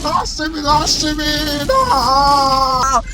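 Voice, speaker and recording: A man's voice: very high-pitched, animated, takes it slowly, noisy background, exaggerated voice. A man voicing a panicking, crude Sicilian victim in a comic dinosaur film dub, with a Sicilian accent and wailing exclamations. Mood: panicked.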